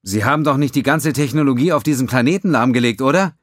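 A man's voice: medium pitch, fast talker, no echo, studio quality, pitched above the performer's own voice, close to an everyday voice. A man voicing an eager male engineer giving technical reports. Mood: explaining.

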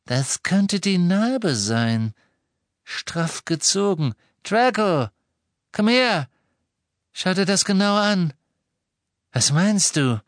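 An eager, impatient aristocratic wizard, put on by a man with a raised, loud, urgent voice. The words come out pressing and excited, recorded dry and close. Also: fairly high pitch, measured pace, hardly any pauses, no room sound, pitched above the performer's own voice.

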